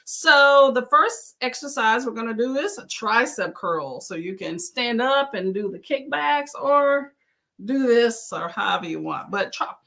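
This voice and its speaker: A woman's voice: fairly high pitch, expressive, unhurried, creaky, pushed and bright. A woman hosting a casual live chat, reading out viewers' comments and encouraging them. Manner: chatty, encouraging, exclaims often. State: clearing her throat. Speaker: livestream host.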